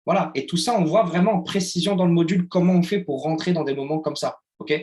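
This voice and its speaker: Chatty man teaching trading, fairly high voice. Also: quick pace, a little mellow. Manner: chatty, checks in with "ok?", playful sound words. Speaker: trading instructor. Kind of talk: live online trading lesson.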